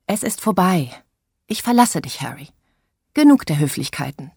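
A woman's voice: lowish voice, normal speed, breathy edge, no room sound, studio quality, exaggerated voice. A woman voicing a bossy, eager young girl who coaches her friend through a scene. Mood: coaching. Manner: coaching, insistent, animated.

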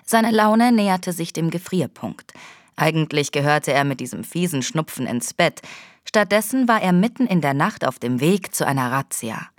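Low-voiced woman reading a children's story. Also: animated, normal speed, no echo, studio quality. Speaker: audiobook narrator. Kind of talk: scripted narration.

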